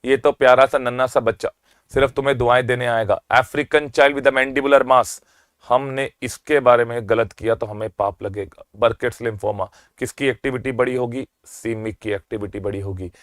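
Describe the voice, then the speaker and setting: An energetic man with an Indian accent runs a quick-fire revision lecture at an even, mid-range pitch. He teases and quizzes his listeners, then drags key terms out slowly for emphasis. The sound is close and dry, with no room around it. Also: dry recording. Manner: quizzes the class and answers his own questions. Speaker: medical exam lecturer.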